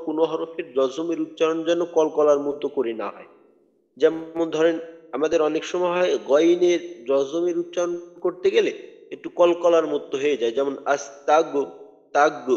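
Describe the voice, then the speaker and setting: Man, tajweed lesson, fairly high voice, long reverb, dull recording, patient letter-by-letter teaching. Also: darkish tone. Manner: patient, spells out letters and drills slow drawn-out recitation. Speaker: Quran recitation teacher.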